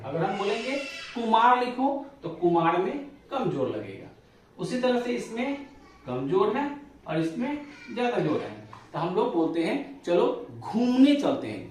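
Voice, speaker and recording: A man's voice: high voice, darkish tone, slight background noise. A male teacher giving a spoken lesson step by step. He repeats sounds for his listeners to say back and stretches vowels to show long and short ones. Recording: very echoey room, voice from a distance.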